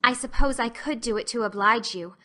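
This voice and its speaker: Performing in an audiobook drama, a woman plays an imaginative little girl in a bright, clear-edged, somewhat high voice. Her wordy speech comes fairly quickly and turns plaintive and solemn. She sounds earnest, theatrical and wistful.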